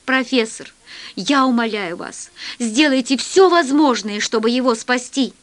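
A woman's voice: on the high side, unhurried, close to an everyday voice. A woman voicing a loyal male space captain who pleads urgently. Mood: pleading.

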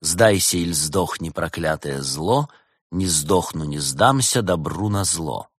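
A man voicing a clever male fox detective in a storybook reading, teasing and measured as he explains. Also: sits low, lively intonation, husky, dry recording, clean studio sound, heavily acted. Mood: playful.

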